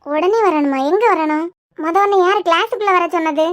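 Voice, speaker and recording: A woman's voice: very high-pitched, fairly quick, no echo, voice pushed down. A woman voicing an anxious young mother in a cartoon, speaking firmly with a Kanyakumari Tamil accent. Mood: worried, stern. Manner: firm, worried. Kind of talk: cartoon voice acting.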